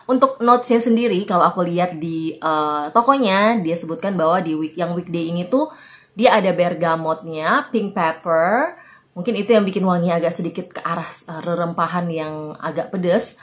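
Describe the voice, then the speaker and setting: A woman's voice: on the low side, moderate pace. Chatty young woman reviewing perfume. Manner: chatty, informal, many fillers. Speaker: perfume reviewer, channel host. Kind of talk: casual review vlog.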